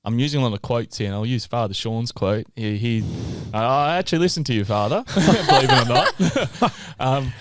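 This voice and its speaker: A young man, a guest in an interview, talking in a relaxed, rambling way and laughing often. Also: mid-range voice, normal speed, dry recording. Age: young adult. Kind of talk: casual interview chat.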